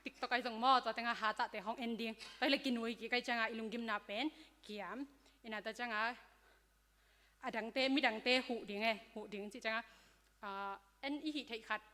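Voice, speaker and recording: A woman's voice: fairly high pitch, steady tone, fairly quick, sharp tone. A woman speaking at a church youth seminar, giving a conversational health talk with many fillers. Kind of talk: informal health talk to young people. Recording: hall reverb.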